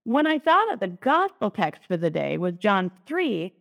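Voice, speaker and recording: A woman's voice: medium pitch, sing-song, normal speed, creaky, fairly bright tone. A woman co-hosting a lectionary podcast, talking in a chatty, teacherly way. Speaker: podcast co-host, Lutheran. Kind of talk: casual lectionary podcast chat.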